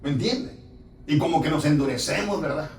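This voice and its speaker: A man's voice: fairly high pitch, brisk, slight background noise. A man, a pastor preaching a sermon in church, emphatic, drawing out his words and putting questions to the congregation. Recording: echoey church hall, voice from a distance.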